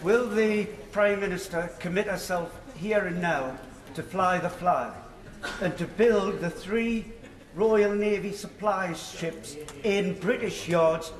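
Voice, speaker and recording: A man putting a formal, challenging question as a member of parliament, in a deliberate, declamatory way. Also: sits high. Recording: echoey hall.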